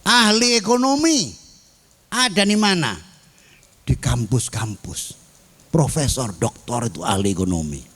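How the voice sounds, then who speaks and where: A male preacher giving a sermon full of jokes and quick questions to his listeners. His pitch swings widely from high to low, and he sits at a middle pitch for a man. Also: sing-song, a bit bright, slightly rough. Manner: humorous, quizzes the audience. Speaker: cleric and mosque council chairman.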